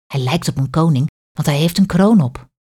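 A woman's voice: sits low, normal speed. A woman, reading a children's story aloud expressively. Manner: clear, expressive read-aloud.

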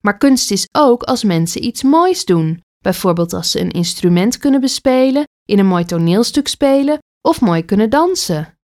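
A woman's voice: mid-range voice, animated, normal speed, mellow, close to an everyday voice. Woman reading a patient storybook mother. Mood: explaining. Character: patient mother, kind but firm. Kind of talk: storybook character voice.

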